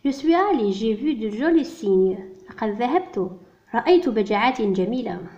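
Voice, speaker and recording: Woman, primary French lesson in Arabic, very slow, careful pronunciation, dull lo-fi sound. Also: on the high side, expressive, warm tone. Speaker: teacher. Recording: dull lo-fi recording.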